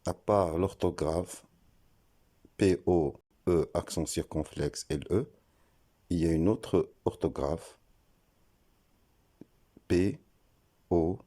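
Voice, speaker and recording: A man giving a scripted lesson on French pronunciation, slowly spelling out words letter by letter. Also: sits low, mellow. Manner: slow, deliberate, spells out letters.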